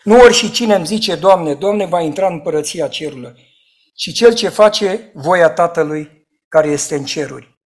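A man preaching a sermon in an emphatic way, rising to loud outcries and dropping to hushed asides. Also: a little high, lively intonation.

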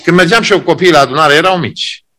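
A man whose voice sits on the high side preaches a sermon, veering between loud exclamations and hushed emphasis while repeating his key phrases.

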